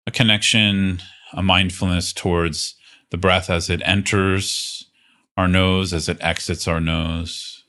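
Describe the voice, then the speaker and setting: In this guided meditation, a low-pitched male teacher keeps his words gentle and unhurried, separated by long pauses.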